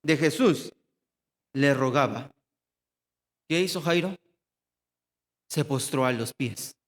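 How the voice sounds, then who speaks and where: Mexican preacher in a reverberant hall. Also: male voice, medium pitch, takes it slowly. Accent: Mexican Spanish. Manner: asks the congregation questions and answers them himself. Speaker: pastor. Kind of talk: sermon. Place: church hall.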